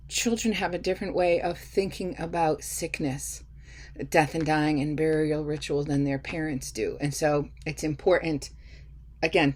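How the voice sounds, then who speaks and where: A woman's voice: sits low, darkish tone. A middle-aged woman giving a lecture to her class in a casual, chatty way, with many fillers and restarts. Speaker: instructor.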